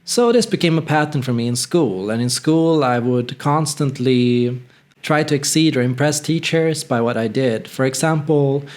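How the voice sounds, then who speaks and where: A man's voice: mid-range voice, moderate pace, a little mellow. A man from northern Sweden, telling a personal story in a candid, reflective, conversational way. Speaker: channel host.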